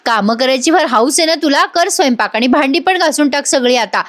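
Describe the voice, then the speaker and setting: A woman's voice: sits high, animated, a little fast. A woman reading a scornful, domineering sister. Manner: taunting, scolding. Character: scornful sharp-tongued middle-aged woman, domineering sister. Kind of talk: retold dialogue in a TV episode recap.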